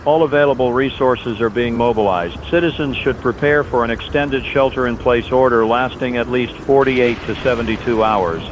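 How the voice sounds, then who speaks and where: Lightly acted, this fictional overnight radio host's emergency broadcast is a scripted monologue from a disaster drama, spoken by a man who stays earnest and steadfast, choosing solemn, reassuring words deliberately. A loud rumble from outdoors runs under dull, lo-fi sound.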